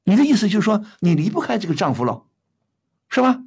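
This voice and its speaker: A middle-aged man scolds his caller on an advice show, firing off one blunt question after another. His voice is husky and swings widely in pitch. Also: big pitch swings, quick pace, a little mellow. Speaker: radio advice host.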